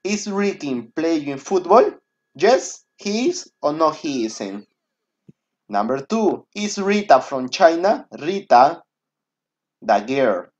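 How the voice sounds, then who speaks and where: This Peruvian teacher in his twenties speaks slowly but with great animation, his voice on the high side with a darkish tone. A native Spanish speaker, he repeats simple, encouraging instructions to schoolchildren in a recorded lesson, heard through dull, lo-fi screen-recording audio.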